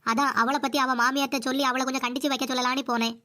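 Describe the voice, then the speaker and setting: A complaining, whiny older mother-in-law in a cartoon, as a woman puts her on, speaking with a Kanyakumari Tamil accent. Her words come quickly in a bright, slightly high voice. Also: flat delivery.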